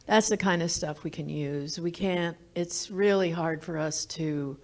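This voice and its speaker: An American woman talking casually on a panel, halting and repeating words as she explains. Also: lowish voice, a little mellow. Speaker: restaurant operator, panelist.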